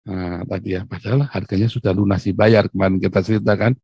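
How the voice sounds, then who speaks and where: A male pastor delivers a casual morning devotional, his voice gravelly and husky with a dark tone. He moves from loud, pressing emphasis to hushed, low asides. The sound is dry and close. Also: little pitch movement, fast talker, dry recording. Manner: colloquial, swings between loud emphatic bursts and quiet low asides.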